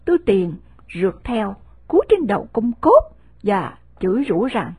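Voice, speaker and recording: A woman narrating a novel chapter in a steady, measured storytelling voice. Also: mid-range voice, slightly rough, no echo. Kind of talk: scripted audiobook narration of a novel.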